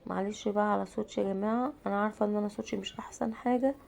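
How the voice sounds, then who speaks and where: A woman's voice: mid-range voice, fairly even intonation, racing, creaky, noisy background. A woman in her thirties with an Egyptian Arabic accent, who has a cold, chatting casually through her cooking day and answering her own questions. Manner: chatty, asks herself questions and answers them. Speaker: home vlogger and mother. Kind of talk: casual cooking vlog narration.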